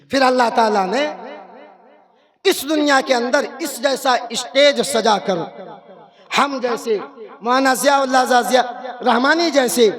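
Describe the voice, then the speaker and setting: A middle-aged man preaching a sermon from a stage, swinging into loud shouts. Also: very high voice. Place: stage at a religious gathering.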